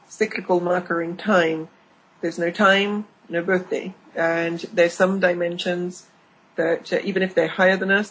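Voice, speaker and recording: A woman's voice: on the low side, breathy edge, rough recording. A woman guest on an informal radio chat, explaining ideas patiently with lots of fillers. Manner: explanatory, laughs easily, many fillers.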